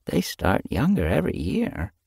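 A man's voice: fairly low pitch, huge pitch swings, moderate pace, vocal fry, a little mellow, breathy edge, no echo, clean studio sound, pitched above the performer's own voice, full character voice. A man doing a wry older she-cat. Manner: wry, muttering, exasperated.

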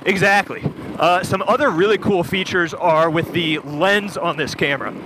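Speaking at normal speed in a high voice, a man on a motorcycle gives a detailed, matter-of-fact rundown of gear features in casual explanatory chat. He's a video producer reviewing the gear, recorded via helmet intercom with wind and engine noise.

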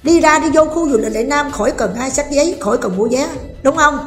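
A middle-aged woman ranting in heated, blunt commentary, scolding her listener with rough familiar talk. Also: high-pitched, expressive, a little fast. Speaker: online commentator. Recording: echoey roomy recording with faint music.

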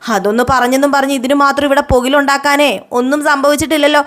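A woman voicing an older grandmother who questions and reasons slowly and calmly. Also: sits high. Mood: reproachful.

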